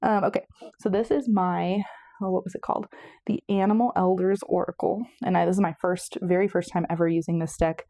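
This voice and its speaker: A woman's voice: lowish voice, steady tone, fairly quick, dark tone, dry recording, studio quality. A woman giving a casual pick-a-card tarot reading, chatty and meandering, a little out of breath. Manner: chatty, meandering, self-correcting. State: slightly out of breath. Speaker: tarot reader.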